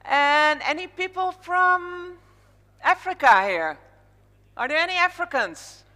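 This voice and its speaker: Very high-pitched and expressive, her bright voice moves slowly with real force. She is a woman from the Netherlands, Dutch-accented, casually emceeing a conference opening on stage in a large hall, her words echoing through the PA.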